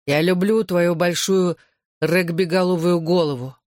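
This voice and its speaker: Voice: mid-range voice, steady tone, darkish tone, dry recording, studio quality, lightly acted. A reader voicing a giddy teenage boy in a hospital bed who slurs and drags out his words while drugged. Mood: slurring. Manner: slurred, drawn-out, giddy.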